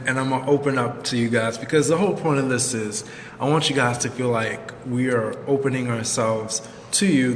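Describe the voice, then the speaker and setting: A man co-hosting a live chat, speaking in an earnest and measured way about personal struggles. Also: mid-range voice, fairly bright tone, big-room sound, a little hiss or hum. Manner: measured, heartfelt, speaks in long sentences. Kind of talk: earnest, reflective sharing.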